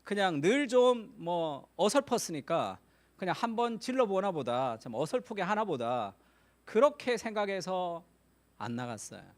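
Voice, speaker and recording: A man's voice: high voice, measured pace. A middle-aged male pastor giving a Sunday sermon, telling stories with animation and acting out the voices of the people in them. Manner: animated storytelling, acts out quoted voices.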